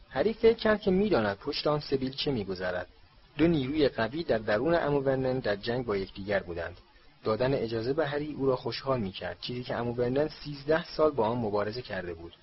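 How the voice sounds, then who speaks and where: Man reading a storybook aloud. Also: mid-range voice. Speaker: audiobook narrator. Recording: slightly dull with faint hiss.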